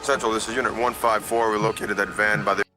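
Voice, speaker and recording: A man's voice: on the low side, flat delivery, fast talker. An actor playing a male police officer calling dispatch over a police radio, terse and businesslike. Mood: urgent. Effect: police radio call. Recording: film clip played back, loud music, distant.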